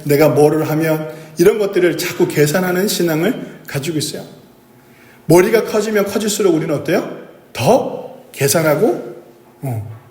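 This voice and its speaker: A pastor preaching a sermon, asking the congregation questions and answering them himself. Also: male voice, on the high side, darkish tone. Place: church sanctuary. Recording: echoey church hall.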